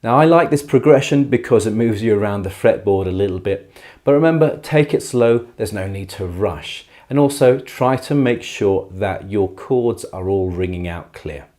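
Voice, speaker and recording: Careful, unhurried low-voiced man teaching guitar. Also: animated, mellow. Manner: reassuring, patient explaining. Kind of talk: instructional tutorial for beginners. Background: acoustic guitar playing.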